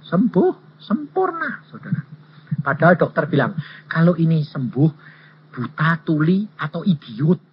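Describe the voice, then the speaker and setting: Raspy male preacher. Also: a little high, measured pace. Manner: animated, acts out dialogue, raises voice. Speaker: evangelist preacher. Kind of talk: sermon with personal storytelling. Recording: dull lo-fi recording.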